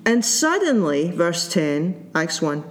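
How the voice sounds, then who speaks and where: A man preaching a sermon in a reflective, measured way. He circles back to his main points and repeats them for weight, now and then slipping into the voices of the people he quotes. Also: on the high side, sing-song, a little hiss or hum. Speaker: pastor.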